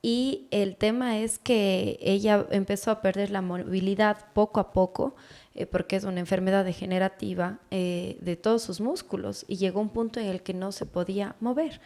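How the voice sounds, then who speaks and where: A woman's voice: mid-range voice, steady tone, moderate pace, a little mellow. A woman hosting a podcast interview, listening attentively and then sharing an anecdote. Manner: attentive, frequent affirmations. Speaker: podcast host, psychologist. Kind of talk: interview conversation.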